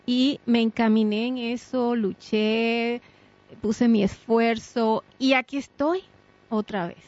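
A woman's voice: a little high, fairly even intonation, takes it slowly, darkish tone. A middle-aged woman, co-hosting a radio talk show in an earnest, emphatic way and laughing often. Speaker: radio co-host. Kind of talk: casual radio chat. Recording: dull lo-fi radio sound.

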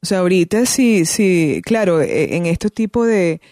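A woman's voice: fairly low pitch, animated, unhurried, dark tone, dry recording, studio quality. A woman speaking as a guest on parenting, thoughtful and conversational, often restarting her phrases. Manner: thoughtful, many restarts and fillers. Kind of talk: conversational advice.

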